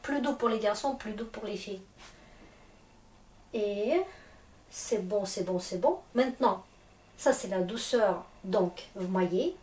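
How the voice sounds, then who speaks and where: Slow-spoken woman teaching in an echoey room. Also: mid-range voice, a little mellow. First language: Russian. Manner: patient, checks understanding often. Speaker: Russian teacher. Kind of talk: classroom lesson. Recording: echoey room, distant mic, faint noise.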